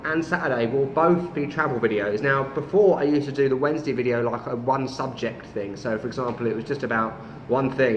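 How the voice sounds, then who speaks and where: A man's voice: medium pitch, slight background noise. Chatty man with a London accent. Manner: chatty and rambling, wry asides. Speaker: travel vlogger. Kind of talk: casual talk to camera. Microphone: camera mic. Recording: roomy, slightly dull camera audio.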